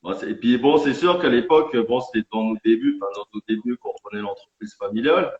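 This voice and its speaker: A man with a mid-range voice, an independent champagne winegrower, is a guest in a live-streamed interview. He explains things earnestly and somewhat haltingly, and the lo-fi sound is dull and echoey.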